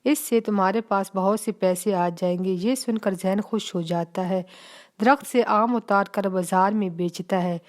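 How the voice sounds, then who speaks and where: A woman's voice: mid-range voice, a little mellow. A woman reading a scripted children's story as narrator, in storybook style.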